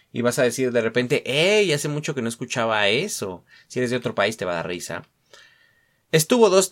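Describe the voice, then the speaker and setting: A young Mexican man talks loosely into his podcast mic, wandering off topic and tossing in slang and fillers. His voice sits in an ordinary middle register, and his easy, self-mocking chat keeps drifting from point to point. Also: medium pitch. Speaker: podcast host. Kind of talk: casual solo podcast monologue.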